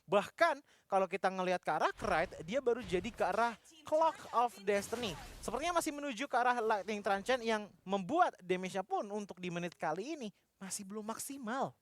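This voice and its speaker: A man's voice: high-pitched, expressive, fairly quick, a bit bright. A man with an Indonesian accent giving fluent, detailed esports commentary and explaining the state of play. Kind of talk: game commentary and analysis.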